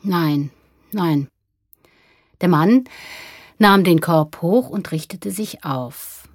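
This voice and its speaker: A woman reading a literary story aloud in a calm, measured way. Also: on the low side, no room sound, studio quality. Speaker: reader. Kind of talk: scripted narration of a literary story.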